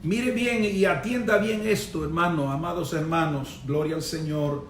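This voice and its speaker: High-voiced preaching man in an echoey room. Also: normal speed, far from the mic, slight background noise. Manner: emphatic preaching, punctuated with amen and hallelujah. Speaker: pastor. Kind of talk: sermon.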